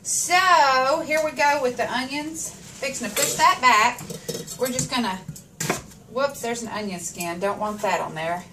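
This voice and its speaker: A woman's voice: a little high, measured pace. A woman chatting homily to viewers while she cooks in her kitchen. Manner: chatty, homespun, talks to viewers while cooking. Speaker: home cooking vlogger. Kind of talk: casual cooking chat. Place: home kitchen. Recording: home kitchen, mic at a distance, cooking noise. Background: chopping, sizzling pans and dishes.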